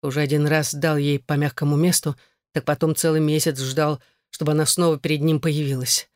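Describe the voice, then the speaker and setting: A man's voice: on the high side, little pitch movement, brisk, no room sound, studio quality. A man giving scripted narration of a romance novel audiobook.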